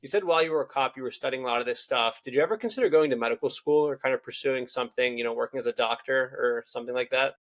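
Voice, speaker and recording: A man hosting a podcast, asking follow-up questions in quick, affirming casual talk. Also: mid-range voice, a bit bright. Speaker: podcast host.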